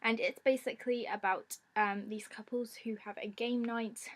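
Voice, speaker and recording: A woman with a slightly high, croaky voice talks to her viewers as a film vlogger. Her delivery is casual, chatty and informal, as if talking to friends. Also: steady tone, moderate pace. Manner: informal, giggly. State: croaky from a lingering ailment. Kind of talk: casual chatty presenting to camera.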